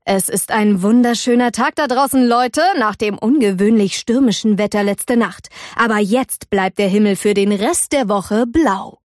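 A woman reading a storybook aloud and voicing an upbeat male radio presenter with a bright, announcing delivery. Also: medium pitch, normal speed, dry recording, clean studio sound, lightly acted.

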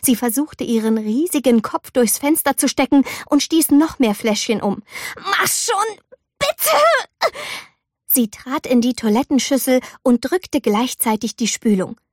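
A woman reading a storybook aloud in an expressive, animated way. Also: on the high side, moderate pace, hardly any pauses, dry recording, studio quality. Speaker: narrator.

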